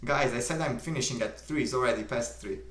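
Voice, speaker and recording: Calm Romanian-accented man, roomy echo. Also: mid-range voice, fast talker. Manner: reads viewer comments aloud and answers them, calm and mild. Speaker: livestream host. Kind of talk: casual live-stream chat.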